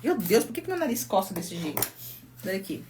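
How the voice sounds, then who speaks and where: A woman's voice: medium pitch, very animated, a little fast, background noise. Middle-aged Brazilian woman, psychologist hosting a live stream, chatty anecdotal delivery, phone mic. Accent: Brazilian Portuguese. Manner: chatty storytelling, reads viewer comments aloud. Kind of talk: casual live-stream chat.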